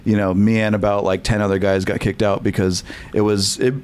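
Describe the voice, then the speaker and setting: A man's voice: fairly low pitch, level tone, fairly quick, darkish tone, clear, resonant tone. A young man, a podcast guest from California, telling his story candidly with many restarts and fillers.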